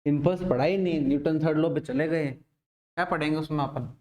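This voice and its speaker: A man's voice: fairly high pitch, a little fast, a little mellow. A man teaching physics in a casual classroom lecture, repeating questions to his students.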